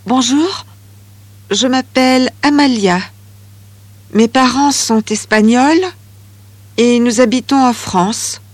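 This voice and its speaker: A woman playing a thoughtful teenage girl in a scripted listening exercise, measured and careful. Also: on the high side, dry recording.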